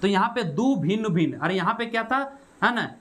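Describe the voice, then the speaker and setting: Guy with a khortha accent and a fairly high voice going through grammar slides, keeps asking and answering himself. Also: lively intonation, brisk, fairly bright tone. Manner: explains step by step, asks and answers own questions, frequent "है ना" and "ठीक है". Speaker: teacher. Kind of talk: exam-prep grammar lesson.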